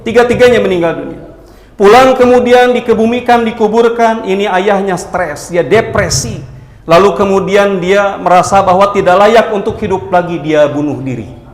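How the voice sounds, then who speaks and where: A man preaching a lively storytelling sermon in a mosque hall, acting out voices and joking with the audience. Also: high voice, moderate pace. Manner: animated, acts out voices, jokes with the audience. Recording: echoey hall with long reverb.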